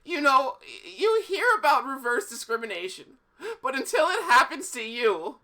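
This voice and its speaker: Reader as a flustered young mayor, high, quick and indignant, lively pitch. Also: exaggerated voice. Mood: defensive. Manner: fast indignant rambling. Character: defensive young male mayor, self-pitying and flustered.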